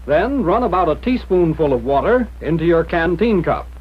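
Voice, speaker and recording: A very animated, husky American man with a fairly high voice reads a 1940s military training narration at normal speed. His delivery is direct, plain and instructive, captured on a dull, muffled film soundtrack of the era.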